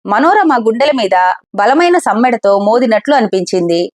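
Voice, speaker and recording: A woman's voice: fairly high pitch, expressive, normal speed. Woman narrating a moral story.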